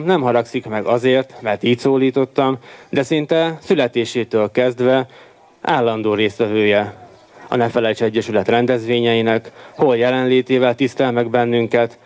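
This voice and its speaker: A male host speaks to an audience at a cultural gathering. He talks slowly and ceremoniously, in a steady mid-pitched voice. His announcements are polite and formal. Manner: slow, measured and ceremonious. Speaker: event host.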